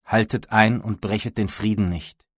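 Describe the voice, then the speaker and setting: A man puts on a tall male leader who pleads solemnly and insistently, each word slow and measured. The voice sits deep and low, recorded close and dry with no room sound around it. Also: fairly even intonation, slightly rough, no room sound. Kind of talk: audiobook character voice.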